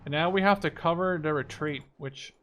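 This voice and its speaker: A Dutch gaming video creator in his twenties thinks aloud informally while commenting on a strategy game, his voice on the high side at a normal pace. Game battle sounds, including clear gunfire and artillery, run behind him along with crowd noise.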